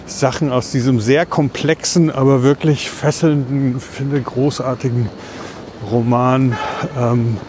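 A man with a mid-pitched voice presents casually on a podcast, pausing to find his words as he walks. Street and vehicle noise is clearly audible around him. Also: steady tone, darkish tone. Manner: halting, thinking aloud while walking. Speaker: podcast co-host. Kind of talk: casual chat, presenting a topic. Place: outdoors on a city street along a tram line.

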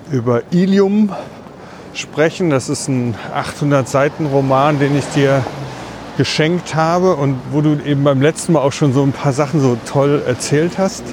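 A man with a mid-pitched voice presents casually on a podcast, pausing to find his words as he walks. Street and vehicle noise is clearly audible around him. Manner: halting, thinking aloud while walking. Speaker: podcast co-host. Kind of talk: casual chat, presenting a topic. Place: outdoors on a city street along a tram line.

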